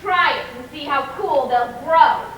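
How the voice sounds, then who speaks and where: A woman's voice: high-pitched, measured pace. A woman playing a haughty scolding old aunt. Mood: scornful. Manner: imperious, scolding. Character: stern wealthy old aunt, haughty and meddling. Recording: echoey distant old recording with faint hiss.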